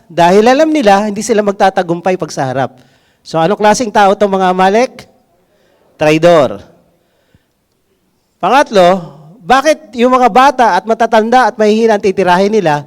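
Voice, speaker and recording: A man preaching a sermon, mixing English into his talk and asking the congregation rhetorical questions, swinging from loud to hushed. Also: sits high, animated, moderate pace, long pauses. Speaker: pastor.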